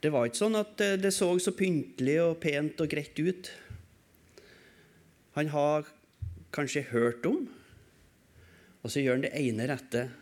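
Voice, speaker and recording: A man preaching a sermon in a church service, asking rhetorical questions and swinging between raised calls and quiet, low passages. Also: pauses often. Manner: emphatic, asks rhetorical questions and answers them.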